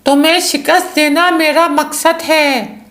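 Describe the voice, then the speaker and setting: A woman's voice: high-pitched, steady tone, unhurried, fairly bright tone. A woman voicing a brave, righteous panther hero, earnest and resolute, in a children's cartoon story. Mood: determined.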